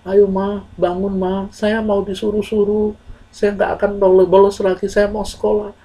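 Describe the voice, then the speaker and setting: A man's voice: sits high, little pitch movement, normal speed, dark tone, slightly rough, pitched above the performer's own voice, rough recording. A man voicing a remorseful truant teenage boy, crying and pleading. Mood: sobbing. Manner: wailing, pleading, tearful.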